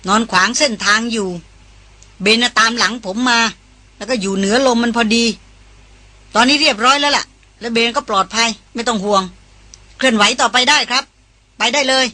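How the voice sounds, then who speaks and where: Woman narrator playing a tough male guide in a storybook: clipped, commanding, bright-edged and raised. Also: fairly high pitch, moderate pace, long pauses, no echo, voice pushed up. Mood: scolding. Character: stern tough male jungle guide, hot-tempered.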